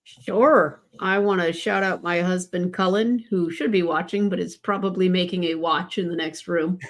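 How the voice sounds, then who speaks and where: A woman's voice: on the low side, steady tone, normal speed. Chatty woman guest on a podcast. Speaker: guest, comics creative consultant. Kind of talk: casual podcast chat.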